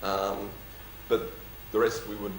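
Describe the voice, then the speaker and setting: A man with a lisp, a company executive, presents and answers audience questions with a jovial, dryly humorous and emphatic manner. He talks slowly in a lowish voice with little pitch movement. Echo fills the room, and faint background noise is audible.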